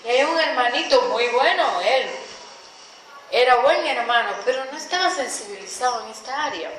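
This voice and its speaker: A woman pastor preaching a sermon in a lively, repetitive way, asking her listeners questions. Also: high-pitched, normal speed. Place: large echoey church hall. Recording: very echoey hall with faint background noise.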